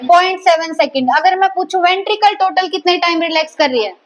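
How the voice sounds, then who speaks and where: A woman's voice: very high voice, a little fast. A woman teaching a biology lecture, repeatedly quizzing her students and echoing their answers. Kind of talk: classroom lecture.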